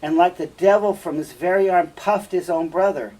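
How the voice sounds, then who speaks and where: A man's voice: high voice, moderate pace, warm tone, pitched above the performer's own voice, close to an everyday voice. A man reading the part of Iago, a scheming and two-faced male officer, in a class reading of a play. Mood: feigned concern. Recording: distant mic, faint room noise.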